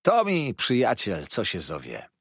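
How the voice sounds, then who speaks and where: A man voicing a kindly old fisherman who speaks slowly and fondly in a low voice. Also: wildly swooping pitch, slightly rough, dry recording, studio quality, exaggerated voice. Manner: warm, slow, low murmur.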